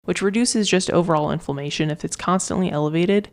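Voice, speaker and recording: Chatty woman fitness coach, low gravelly voice. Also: fast talker. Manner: chatty, rambling, many fillers and restarts. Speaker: fitness coach podcast host. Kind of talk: casual solo podcast talk.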